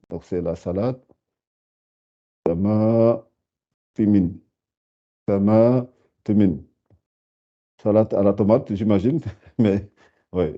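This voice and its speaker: Slow patient guy teaching a lesson, lowish voice, muffled lo-fi recording. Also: warm tone. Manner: patient, repeats and spells out words slowly. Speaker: Arabic teacher. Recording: dull lo-fi sound.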